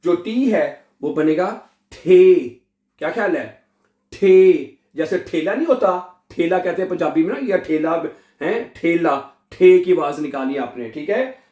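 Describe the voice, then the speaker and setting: A man's voice: fairly high pitch, expressive, a little mellow, reverberant. A man teaching a language lesson, drawing out words and checking in again and again. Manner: drawn-out repetition, checks in with "theek hai?" constantly. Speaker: German teacher.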